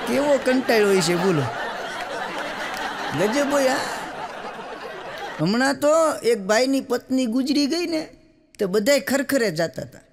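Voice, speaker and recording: A man's voice: very high voice, expressive, a little slow, creaky, long pauses, noisy background. A man telling jokes in a live folk comedy routine, acting out characters as the audience laughs. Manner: chatty storyteller, acts out characters, crowd laughing along.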